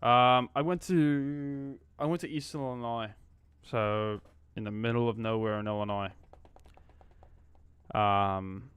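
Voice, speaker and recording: A man's voice: mid-range voice, smooth, no room sound. A man in his twenties from Australia, chatting casually and muttering to himself on a live stream while he codes. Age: 20s.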